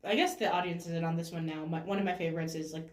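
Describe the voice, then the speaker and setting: A woman's voice: on the low side, steady tone, racing. A young woman co-hosting a podcast, chatting casually with lots of fillers and giggles. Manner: giggly, rambling with many fillers. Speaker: podcast co-host. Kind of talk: casual chat. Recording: echoey room.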